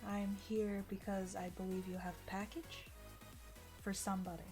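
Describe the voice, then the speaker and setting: A woman's voice: mid-range voice, flat delivery, moderate pace, darkish tone, soft background music. A woman playing a tabletop game, curious and questioning. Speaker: player. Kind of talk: tabletop role-play.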